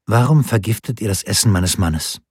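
A man's voice: fairly low pitch, moderate pace, darkish tone, slightly rough, no echo, studio quality. Man voicing a shrewd, probing noblewoman. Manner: probing, pointed questions. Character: shrewd questioning noblewoman, wife of a lord.

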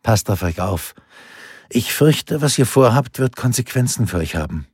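A man voicing a brooding, reluctant Renaissance artist held prisoner, in a measured, reflective way. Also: medium pitch, expressive, a little mellow, slightly rough, dry recording, studio quality, voice pushed up. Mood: earnest.

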